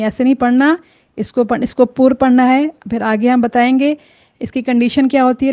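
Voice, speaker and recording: A woman teaching Quran reading, explaining each Arabic letter patiently and sounding it out slowly to demonstrate. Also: on the high side, darkish tone.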